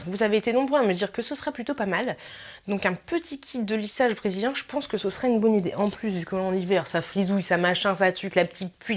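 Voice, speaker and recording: Woman vlogging her wishlist, chatty, rambly, goofy little asides, mid-pitched voice. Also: a little hiss or hum. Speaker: YouTuber. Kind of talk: casual wishlist vlog.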